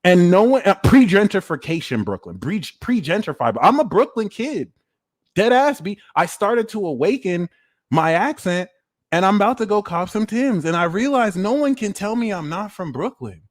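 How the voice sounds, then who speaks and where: A man's voice: high voice, very animated, normal speed, no echo, clean studio sound, pitched above the performer's own voice. A man putting on a boastful wannabe Brooklyn tough guy in a self-mocking, exaggerated way.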